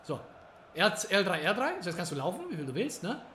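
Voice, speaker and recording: A man's voice: high-pitched, big pitch swings, fast talker. A male streamer explaining a game move step by step to his viewers, in a cocky tone. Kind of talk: live gameplay tutorial. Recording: roomy echo, faint noise.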